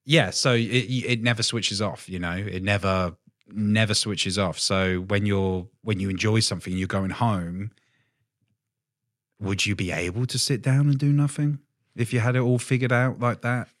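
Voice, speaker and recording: A man with a very low voice hosts a relaxed podcast chat, rambling and restarting as he goes and swearing casually. The sound is dry and close, with no room around it. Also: normal speed, dry recording. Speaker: podcast host, tattooer.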